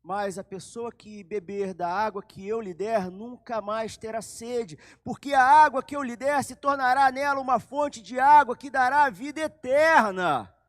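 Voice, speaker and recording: A man voicing a calm, solemn male teacher who speaks slowly and reassuringly. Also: high-pitched, dry recording, clean studio sound. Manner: slow, measured, reassuring.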